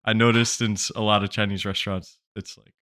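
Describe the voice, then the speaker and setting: A man co-hosting a podcast, telling stories in a relaxed, casual way. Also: lowish voice, fairly quick. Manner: relaxed storytelling, frequent "like". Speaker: podcast co-host. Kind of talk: casual chat.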